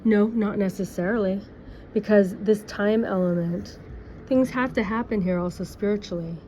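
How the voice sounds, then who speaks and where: A woman's voice: mid-range voice, moderate pace, warm tone, a little hiss or hum. A woman talking to camera in a personal opinion monologue, full of rhetorical questions and sarcastic asides. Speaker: vlogger. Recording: dull lo-fi recording.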